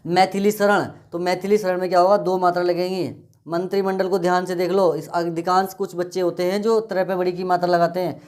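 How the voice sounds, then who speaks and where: A male teacher giving an exam-prep spelling lesson, drilling words by repeating them in a steady, methodical way. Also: high voice, brisk.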